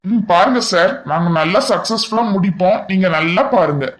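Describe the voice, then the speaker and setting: Cast: man playing a firm young cartoon boss, high-voiced and scolding. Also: fairly quick, lightly acted. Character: young male company boss, blunt and protective. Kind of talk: cartoon voice acting.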